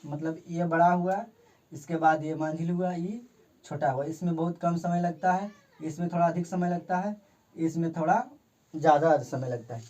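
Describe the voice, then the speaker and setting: A man talks through a grammar lesson in a casual classroom way. He points at the board and goes over each definition slowly, repeating it several times so it sinks in. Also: on the high side, dark tone. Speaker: teacher.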